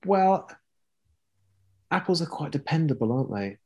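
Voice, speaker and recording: A man chatting as a podcast guest, playful and self-deprecating, often pausing and restarting. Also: a little high, very animated, dark tone, highs cut off. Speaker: guest, weather presenter. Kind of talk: casual podcast chat.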